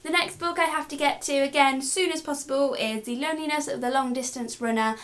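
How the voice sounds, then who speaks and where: Young girl booktuber, high voice, giggly casual chat. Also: fairly even intonation, a little fast, a bit bright. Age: young adult. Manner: chatty, giggly, says "like" a lot. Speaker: book vlogger.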